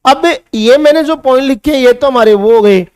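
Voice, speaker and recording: A man's voice: very high voice, fairly quick, darkish tone, smooth, no room sound, clean studio sound. A male chemistry teacher with a Hindi accent, giving a classroom lecture that mixes English science terms into Hindi and asks his students questions before answering them himself.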